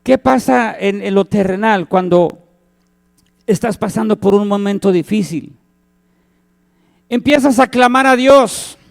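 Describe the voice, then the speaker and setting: A man's voice: sits high, a little slow, vocal fry, pauses often. A man, preaching a sermon as pastor, who acts out the cries and quoted voices in his story.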